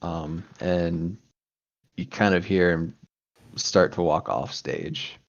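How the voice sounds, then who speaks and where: A man narrating as game master of a tabletop game, halting and full of ums and uhs. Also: sits low, fairly even intonation, vocal fry, muffled recording.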